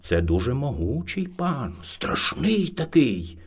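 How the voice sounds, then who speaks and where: A man voicing a small, timid but clever male hare who speaks very politely and flatters. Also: mid-range voice, slow, slightly rough, voice pushed down, exaggerated voice. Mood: pleading.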